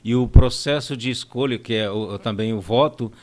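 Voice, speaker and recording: A man's voice: medium pitch, normal speed, darkish tone. A man in his fifties with a Brasília Portuguese accent, a guest in a studio podcast who speaks in a friendly, plain-spoken way with light self-deprecating humor. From Brasília, Brazil. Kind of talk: casual interview chat.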